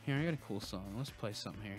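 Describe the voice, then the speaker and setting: A man's voice: on the low side, rapid-fire, faint music behind. A man hosting a livestream, talking casually and musing aloud with loose restarts and swearing. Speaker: livestream host. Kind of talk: casual rambling monologue.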